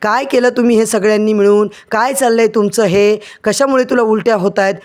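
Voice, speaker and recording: Man doing an angry mother-in-law, scolding, shrill, high voice, retold serial story. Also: fairly even intonation, fairly quick, lightly acted.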